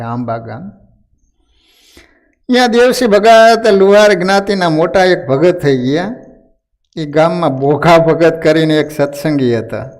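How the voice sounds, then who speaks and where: A man narrates devotional moral tales in a sermon, in a voice pitched a little high. His telling is lively and animated. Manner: lively narration with acted quotes. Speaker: religious storyteller.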